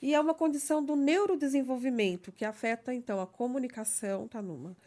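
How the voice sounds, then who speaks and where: A woman with a fairly high voice speaks as an interview guest. She explains in a measured way, with small fillers and frequent check-ins with the listener. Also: mellow. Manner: explains carefully, often adding a checking "né?". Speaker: guest, legal assistant. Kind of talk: personal conversational interview.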